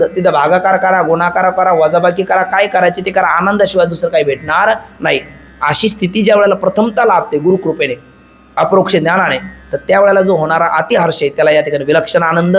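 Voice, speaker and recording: A man's voice: high-pitched, a little fast. A man giving a devotional Vedanta discourse, telling stories and chanting verses. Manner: animated storyteller, chants verses and acts out dialogue. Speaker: Vedanta preacher.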